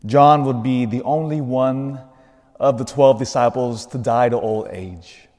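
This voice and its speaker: A priest reading the gospel and preaching earnestly in a cathedral echo, building emphasis through lists. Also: male voice, mid-range voice, darkish tone. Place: large church. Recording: long reverb of a large church.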